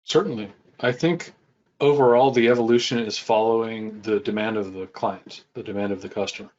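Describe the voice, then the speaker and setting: A man speaking as a panel guest in a measured, deliberate way. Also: lowish voice, steady tone, darkish tone. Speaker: panel guest, pen tester. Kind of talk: panel discussion. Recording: dull video-call audio.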